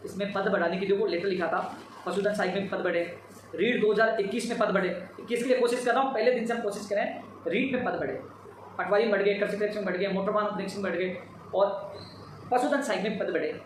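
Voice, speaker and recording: A man's voice: sits high, steady tone, fast talker, heavy reverb, distant mic, a little hiss or hum, low-quality recording. A tired man giving an emphatic, repetitive live update to followers on recruitment demands. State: tired after a long day. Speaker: job-seeker advocate giving updates.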